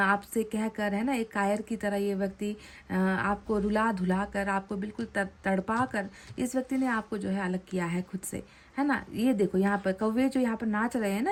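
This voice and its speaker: A woman giving a pick-a-card tarot reading to her viewers. She talks in an earnest, chatty way, often ends phrases with a tag question, and repeats her points in new words. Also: mid-range voice.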